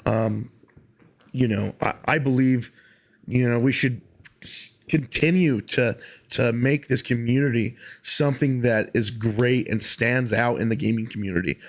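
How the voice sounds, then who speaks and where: A man's voice: medium pitch, unhurried. A man hosting a solo podcast, talking casually in an earnest, rambling, informal way. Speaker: podcast host.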